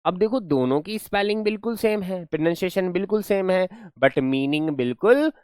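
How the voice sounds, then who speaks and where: A man's voice: sits high, lively intonation, normal speed, darkish tone, clear, resonant tone, no room sound, studio quality. A man teaching an online class, explaining words playfully, repeating his questions and praising his students.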